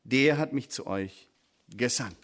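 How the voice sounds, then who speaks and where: A man preaching a sermon, reading scripture slowly and then explaining it in a conversational way to his congregation. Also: mid-range voice, a bit bright.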